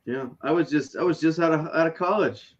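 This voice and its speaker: A man in his late thirties co-hosting a casual podcast, animated and teasing, swearing freely. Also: on the high side, fairly quick, highs cut off. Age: 30s. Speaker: podcast co-host.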